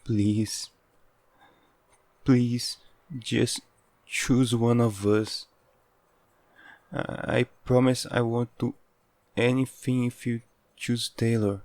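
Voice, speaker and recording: A man's voice: medium pitch, level tone, drawn-out words, pauses often, darkish tone, dry recording. A man playing an obsessive, hot-headed, possessive yandere lover with intense, pleading devotion in a dramatic audio role-play. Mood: desperate pleading.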